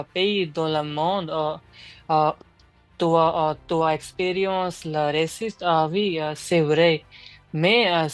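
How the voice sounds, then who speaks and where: A woman taking a speaking exam in a language that is not her first, answering in a role-play with many fillers, restarts and pauses. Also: fairly low pitch, no room sound, poor audio. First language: not French. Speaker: exam candidate.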